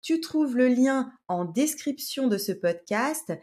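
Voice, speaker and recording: A woman's voice: sits high, animated, slow pace, warm tone. A woman hosting a language-lesson podcast, talking straight to the listener in a patient way with many hesitations. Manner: speaks directly to the learner. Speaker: French teacher and podcast host.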